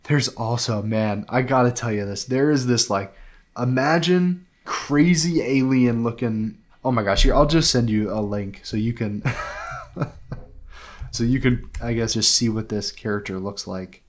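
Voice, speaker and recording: A man co-hosting a gaming podcast, chatting casually and excitedly, rambling with lots of filler words. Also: mid-range voice, moderate pace. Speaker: podcast co-host. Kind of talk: casual game review chat.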